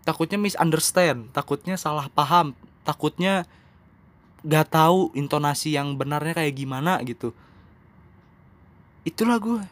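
A young man hosting his own podcast, talking candidly and rambling, now calm, now emphatic and self-mocking. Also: a little high, moderate pace. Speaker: podcast host. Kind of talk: casual solo podcast monologue.

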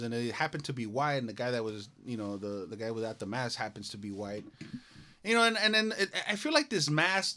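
A man co-hosting a casual podcast, telling a story in a profane, animated way and acting out the voices of the people in it. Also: medium pitch. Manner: profane, animated, laughing, acts out quoted voices. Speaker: podcast co-host.

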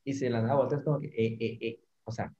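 A man with a Mexican Spanish accent talking in a relaxed, slangy casual chat with lots of fillers. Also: mid-range voice, fast. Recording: slightly dull lo-fi audio.

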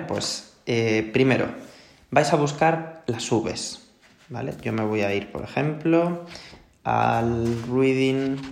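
A man's voice: medium pitch, vocal fry, roomy sound, slight background noise. A man with a Spanish accent from Spain, teaching an English pronunciation lesson in a patient, explanatory way and checking in often with his students. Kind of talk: recorded classroom lesson.

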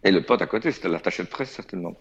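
A Belgian man with a Belgian French accent tells a casual story as a radio guest, chatty and full of asides. His voice sits low with a gravelly edge. The recording sounds slightly dull. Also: racing. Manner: chatty, animated, many fillers and asides. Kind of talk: casual anecdote telling.

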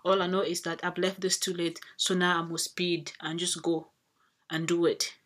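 A woman's voice: lowish voice, flat delivery, moderate pace, a bit bright. Woman giving a rambling tarot reading. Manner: rambling, thinking aloud with many fillers and restarts. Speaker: tarot reader.

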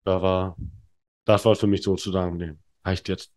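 His low, darkish voice comes out flat at a moderate pace. This podcast guest in his thirties tells candid conversational stories, rambling along with many fillers and restarts.

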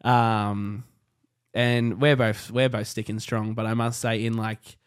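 Aussie bloke host, sweary and blunt, loud footy rant, casual chat. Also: male voice, on the low side, flat delivery, takes it slowly, smooth. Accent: Australian. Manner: blunt, heavy swearing, rowdy. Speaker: podcast host.

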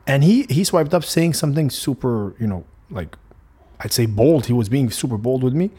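Hosting a casual solo podcast, a young man from Morocco rambles with frequent restarts and fillers, his Moroccan accent reflecting his native Arabic. His mid-range voice is expressive, dark, and a bit breathy, at a moderate pace.

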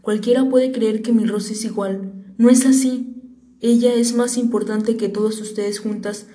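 A woman's voice: fairly high pitch, fairly even intonation, normal speed, dark tone, lightly acted. A woman voicing an earnest young boy prince in a read-aloud storybook, speaking in an earnest, heartfelt way. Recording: roomy echo.

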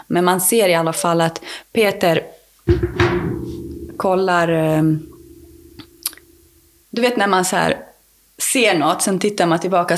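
A woman speaks as a podcast guest with a somewhat low voice and a gravelly, fry-laden texture. She tells her story in loose, conversational talk. She restarts her sentences and leans on fillers as she goes.

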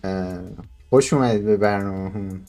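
A man's voice: fairly low pitch, mellow, faint music behind. A man hosting a podcast in casual, bantering chat. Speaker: podcast host.

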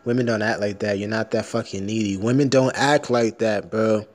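A man with a fairly low, everyday speaking voice, talking bluntly and swearing freely. He rants casually, leans on slang like "bro", and sometimes reads text out loud. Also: fairly even intonation, normal speed. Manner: profane, blunt, ranting. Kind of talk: casual rant, reading an article aloud.

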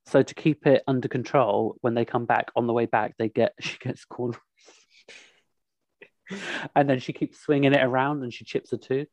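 Young male podcast host, casual rambling delivery, average pitch, dry close recording. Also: steady tone, normal speed, long pauses, a little mellow, no room sound. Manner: chatty, rambling with many ums. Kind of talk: casual chat.

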